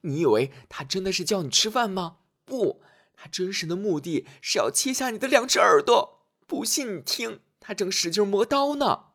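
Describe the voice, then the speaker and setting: A man's voice: high-pitched, animated, moderate pace, a bit bright, voice pushed up, full character voice. A man voicing a sly, greedy young female cook in a children's fairy tale, playful and scheming. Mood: sly whisper. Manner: playful, whispering when scheming.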